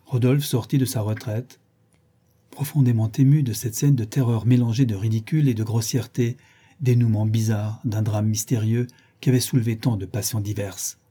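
A man narrating a classic novel in a measured, expressive reading. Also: fairly low pitch, husky. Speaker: audiobook narrator.

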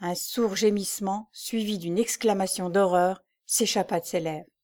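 A woman narrating an old serialized novel in a measured, suspenseful audiobook reading. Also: medium pitch, fairly even intonation, darkish tone.

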